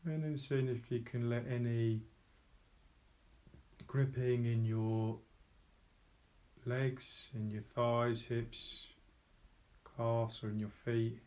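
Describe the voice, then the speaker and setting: This is a guided meditation led by a man with a mid-range voice. His instructions come gently and slowly, in brief phrases separated by pauses, never rushed.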